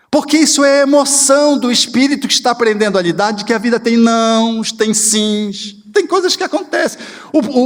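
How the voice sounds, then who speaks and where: A man giving a spiritual lecture in an animated, expressive way, acting out little scenes. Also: extremely high pitch. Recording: reverberant hall.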